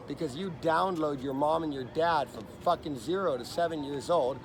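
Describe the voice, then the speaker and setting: A man pressing a stranger with intense, probing, profane questions in a casual outdoor conversation. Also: fairly high pitch. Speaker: vlogger interviewing a stranger. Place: outdoors in a park by traffic. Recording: loud outdoor noise, traffic nearby.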